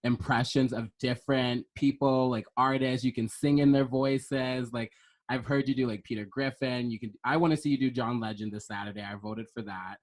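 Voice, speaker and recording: A man hosting a relaxed podcast chat at a middle pitch. He rambles, stacks fillers and laughs easily between thoughts. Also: normal speed. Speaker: podcast host. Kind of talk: casual chat.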